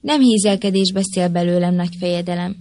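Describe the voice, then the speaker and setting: A woman's voice: fairly low pitch, steady tone, dark tone, dry recording, close to an everyday voice. A humble, courteous envoy read by a woman. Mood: deferential. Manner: deferential and polite. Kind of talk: audiobook reading of a historical tale.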